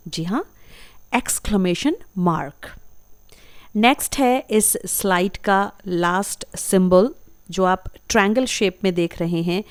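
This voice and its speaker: A woman's voice: medium pitch, a little mellow. A woman, teaching a vocabulary lesson as a voice-over for slides, patiently saying each term and repeating it with care. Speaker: English teacher. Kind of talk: slow explanatory lesson.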